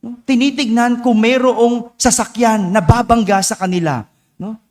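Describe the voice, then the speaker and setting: A man's voice: very high-pitched, steady tone, moderate pace, darkish tone. A male priest preaching a homily, telling a story and tagging his lines with "no?". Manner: tells a story with frequent "no?" tag questions. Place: church. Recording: long church reverb.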